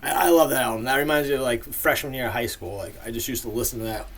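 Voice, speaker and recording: A man's voice: mid-range voice, quick pace, fairly bright tone. A man in a casual, rambling monologue full of fillers, giving his opinions as the host of a ranking video.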